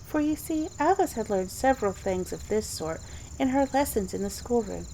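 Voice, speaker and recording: A woman's voice: medium pitch, vocal fry, dark tone, a little hiss or hum, low-quality recording. A woman reading a storybook aloud in a whispered ASMR style, as a narrator. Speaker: storybook reader.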